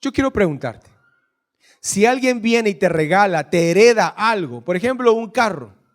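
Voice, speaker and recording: A man with a Guatemalan Spanish accent preaching a sermon as pastor in a church, reading scripture lists slowly and joking with the congregation. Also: high-pitched, animated. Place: church hall.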